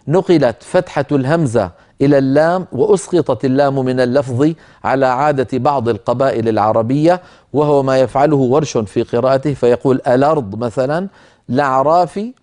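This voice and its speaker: Measured Arabic lesson, mellow male teacher. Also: medium pitch. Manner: measured, explanatory, chants verses slowly. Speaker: Quran recitation teacher. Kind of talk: lecture on a tajweed poem.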